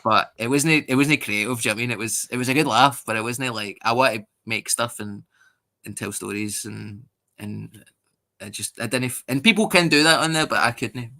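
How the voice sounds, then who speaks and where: A Scottish man in his thirties, a comedian chatting in a casual interview, animated and sweary, acting out other people's voices as he tells stories. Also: medium pitch, a little fast. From Scotland. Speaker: stand-up comedian guest.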